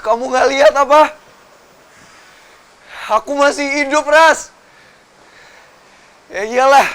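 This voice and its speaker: A man's voice: very high voice, takes it slowly, fairly bright tone, heavily acted. An actor playing a cocky young wealthy man in a TV soap opera. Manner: cocky, defensive.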